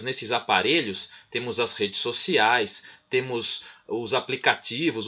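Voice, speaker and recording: A man's voice: on the high side, bright, forceful tone, slightly rough, dull audio. A middle-aged man with a Brazilian Portuguese accent explains grammar in a recorded online lesson, checking in often with the listener. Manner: explanatory, frequent "né?" and "certinho?" check-ins. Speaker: teacher.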